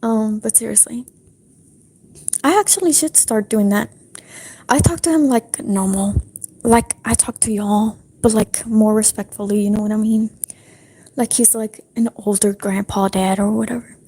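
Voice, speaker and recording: A young woman livestreaming in a breathy whisper, rambling casually with lots of fillers from her apartment restroom. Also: medium pitch, steady tone, moderate pace, mellow, low-quality recording. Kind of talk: whispered casual stream chat.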